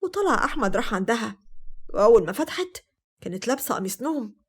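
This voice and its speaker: A woman with an Egyptian accent telling a first-person family story. Her voice is somewhat high, and the words come out fast. The narration itself is brisk and plain. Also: big pitch swings, husky. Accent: Egyptian Arabic.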